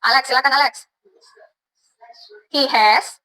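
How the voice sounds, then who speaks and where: A woman's voice: sits high, fairly even intonation, slow pace, pushed and bright, low-quality recording. A woman with an Indonesian accent teaching a class in a classroom, encouraging students and mixing English phrases into her speech. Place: school classroom.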